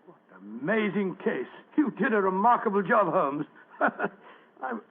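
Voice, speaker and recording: An actor playing an earnest, puzzled gentleman doctor in a radio drama, hesitant and bluff. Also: high-pitched, sing-song, unhurried, slightly rough, full character voice. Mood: puzzled, admiring. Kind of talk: classic radio drama acting. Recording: muffled lo-fi vintage-style radio recording.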